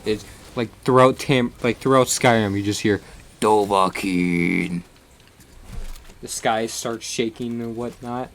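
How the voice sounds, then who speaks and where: A man's voice: medium pitch, steady tone, normal speed, hardly any pauses, a bit bright, a little hiss or hum. A man chatting casually on a live stream, rambling and swearing as he recaps a game, laughing often.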